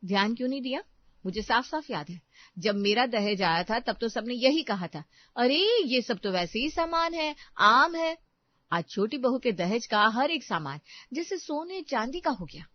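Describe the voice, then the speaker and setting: A woman voicing a resentful young elder daughter-in-law in a cartoon family story, complaining in sharp retorts. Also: on the high side, expressive, moderate pace, no room sound. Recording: dry, dull lo-fi voice track.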